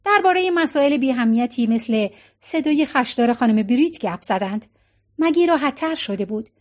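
A woman narrating an audiobook in an expressive storytelling manner. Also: high-pitched. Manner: expressive storytelling, lightly voicing each character's lines.

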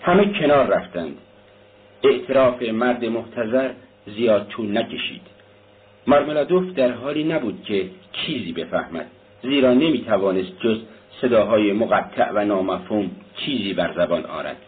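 A man narrates a novel in a steady, even reading voice. His tone is husky and rough. The recording is narrow and tinny, like a phone line. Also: lowish voice. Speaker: audiobook narrator. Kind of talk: scripted narration.

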